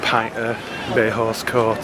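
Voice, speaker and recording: A man's voice: lowish voice, completely flat delivery, takes it slowly. A man giving casual, chatty commentary as he walks outdoors filming a vlog. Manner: chatty, colloquial. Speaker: vlogger. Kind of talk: casual walking commentary to camera and passers-by. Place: outdoors, walking through town streets. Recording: very noisy outdoor street with traffic.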